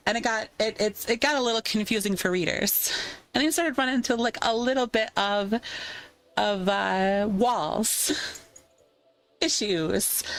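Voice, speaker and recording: Playful rambling woman streamer. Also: mid-range voice. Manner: rambling, playful, trails off and restarts; thanks viewers for tips between tangents. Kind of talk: casual livestream chat.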